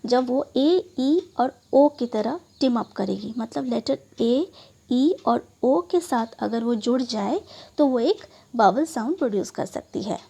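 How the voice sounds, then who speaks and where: A woman's voice: on the high side, lively intonation, vocal fry, dark tone, breathy edge. A woman teaching English phonics in Hindi, spelling out letters and modeling each vowel sound with frequent okays. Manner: slow, deliberate delivery with many okays.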